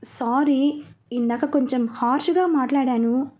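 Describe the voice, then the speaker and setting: A woman's voice: high-pitched, fairly even intonation, a little slow, warm tone. A woman voicing a reserved young woman who speaks curtly. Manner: curt, matter-of-fact. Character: young woman, reserved, curt but softening.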